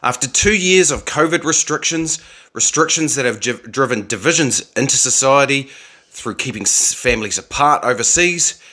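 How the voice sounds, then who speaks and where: Man, forties, New Zealand accent, bright forceful tone, indignant political monologue, rhetorical questions. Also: mid-range voice, lively intonation, normal speed. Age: 40s. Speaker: political commentator. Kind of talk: opinion monologue.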